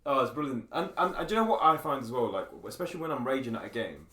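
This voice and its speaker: A young man co-hosting a podcast, telling gaming stories in casual chat, lively, laughing and swearing freely. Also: mid-range voice, very fast. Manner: animated, laughing storyteller who swears freely. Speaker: podcast co-host. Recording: roomy echo.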